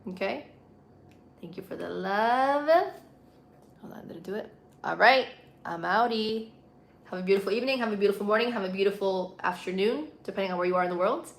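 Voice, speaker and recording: A woman's voice: medium pitch, a little fast, gravelly, long pauses. A woman with a Puerto Rican accent hosting a casual live stream, chatting with viewers in an informal, slangy, playful way. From Puerto Rico. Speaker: livestream host.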